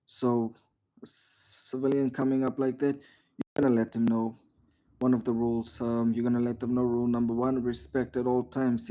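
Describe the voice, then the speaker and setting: In a roleplay game, a man who trains a military unit coaches a trainee over game voice chat, giving feedback. His mid-range voice is flat and the sound is lo-fi. He speaks in a formal, instructive way, says "um" a lot, and closes his lines with "sir".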